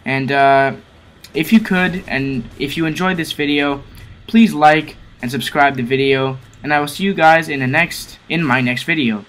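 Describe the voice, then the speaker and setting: A man's voice: on the high side, moderate pace, a bit bright. A teenage boy in a gaming video, lecturing viewers in a rambling, preachy way, often stumbling and correcting himself. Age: teens. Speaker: gaming commentary video maker. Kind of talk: ranting commentary over gameplay.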